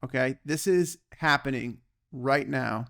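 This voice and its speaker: A man hosting a podcast in a casual, energetic way, often checking in with "okay" and "right?". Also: medium pitch, a little slow, vocal fry. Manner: energetic, excitable, peppers talk with "okay" and "right?". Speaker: podcast host.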